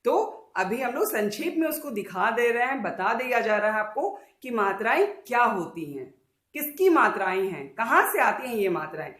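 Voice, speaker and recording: A woman teaching children, sounding out words slowly and syllable by syllable. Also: fairly high pitch, big pitch swings, fairly bright tone, reverberant, low-quality recording. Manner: drawn-out, syllable-by-syllable word demonstrations. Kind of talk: Hindi lesson for children.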